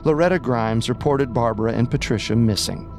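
A man's voice: medium pitch, a little fast, vocal fry, faint music behind. A man delivering scripted true crime narration as a storyteller.

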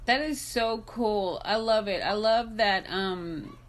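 A woman's voice: mid-range voice, slow. A woman hosting a podcast over a video call, upbeat and bubbly, with lots of fillers as she talks. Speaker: podcast host. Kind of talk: casual interview chat.

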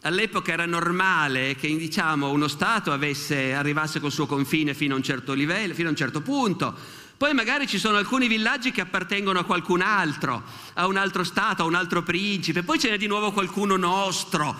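A man in his sixties from Italy giving a public history lecture at a festival, telling the story in a lively way and quoting witnesses with animated asides. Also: high-pitched, fairly quick. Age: 60s. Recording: long hall reverb.

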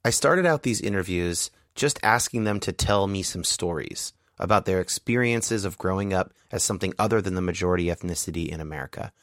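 A man hosts a podcast, introducing the episode and interviewing a guest in an earnest, measured, explanatory way. His voice is deep with a fairly bright tone. The sound is studio quality with no room sound.

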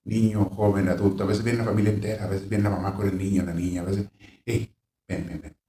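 A man giving a reflective, faith-based counseling talk. He shifts between lively bursts that act out panicked reactions and a gentle, reassuring tone. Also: lowish voice, a little hiss or hum. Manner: animated, acts out panicked reactions in quick bursts; gentle, reassuring when voicing comfort. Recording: roomy sound, voice from a distance.

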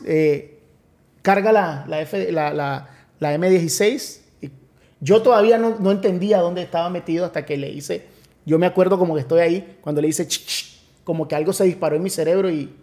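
A man's voice: fairly high pitch, normal speed, darkish tone. A man in his forties, a pastor invited as guest, affirming often and recounting events at length in a casual interview.

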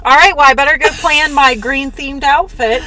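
Giggly higher-voiced woman co-host. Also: moderate pace, pushed and bright, poor audio. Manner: giggly, playful. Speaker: podcast co-host. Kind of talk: casual chat.

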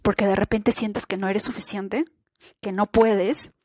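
A woman's voice: mid-range voice, fairly even intonation, measured pace, a little mellow, dry recording. A woman hosting a spiritual self-help podcast, speaking earnestly and posing many rhetorical questions to the listener. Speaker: podcast host. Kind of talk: reflective spiritual podcast talk.

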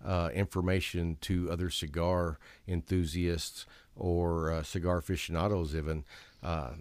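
A man's voice: low voice, no echo. A man hosting a cigar podcast, chatting enthusiastically and at length with his guest. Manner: enthusiastic, wordy, keeps returning to passion. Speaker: cigar show host. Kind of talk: casual podcast interview.

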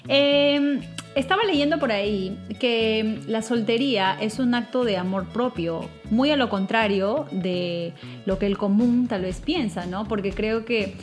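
A woman's voice: fairly high pitch, unhurried, faint music behind. A woman in her thirties with a Peruvian Spanish accent, hosting a casual, chatty podcast for female listeners. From Peru. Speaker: podcast host.

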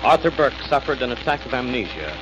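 A man's voice: medium pitch, sing-song, quick pace. A man announcing and recapping the story in scripted narration, heard as an old radio broadcast. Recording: dull lo-fi vintage radio sound with music.

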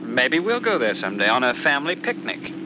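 An actor playing an eager, romantic young suitor in an old radio serial, earnest and lightly joking. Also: male voice, mid-range voice, sing-song, fairly quick, natural voice. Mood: playful. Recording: noisy old radio recording.

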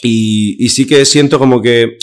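A man's voice: mid-range voice, steady tone, a little slow. A young man from Spain, a podcast guest telling stories in casual chat, full of fillers and acted quotes.

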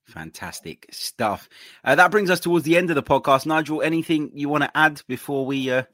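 A man's voice: fairly high pitch, expressive, a little fast, fairly bright tone, dry recording, clean studio sound. An English man hosting a betting podcast, reading quiz options and moving the show along. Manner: runs the quiz and steers the segments. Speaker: podcast host.

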